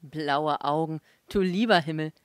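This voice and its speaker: A woman's voice: sits low, moderate pace, fairly bright tone, no echo, studio quality. Woman doing a curt, scoffing Martian husband. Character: irritable dismissive Martian husband, grown man.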